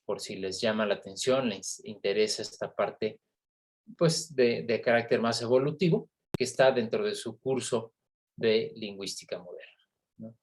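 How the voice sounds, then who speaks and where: A man's voice: lowish voice, normal speed. A man giving an online university lecture on phonetics, explaining patiently and checking in with frequent tag questions.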